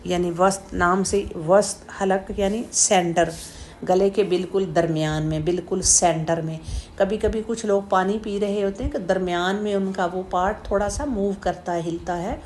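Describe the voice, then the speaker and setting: A woman teaching Quranic letter pronunciation, explaining slowly and demonstrating throat sounds with repeated drawn-out syllables. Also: medium pitch, slight background noise. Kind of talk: slow step-by-step pronunciation lesson.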